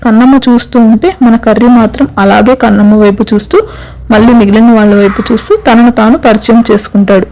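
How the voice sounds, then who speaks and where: A woman narrating a love story for an audio series in a lively storytelling way. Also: on the high side, brisk, slight background noise, low-quality recording.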